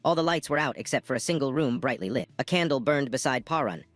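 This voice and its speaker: A man reading a scripted story recap as narrator, in a steady storytelling delivery. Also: mid-range voice, fast talker, no echo. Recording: dry voice-over with faint music. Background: faint music.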